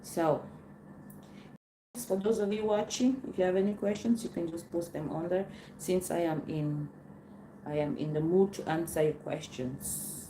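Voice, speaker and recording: A woman from Cameroon, hosting a casual live Q&A and answering viewer questions, unhurried and often repeating herself as she searches for words. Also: fairly low pitch. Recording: roomy echo, faint background noise.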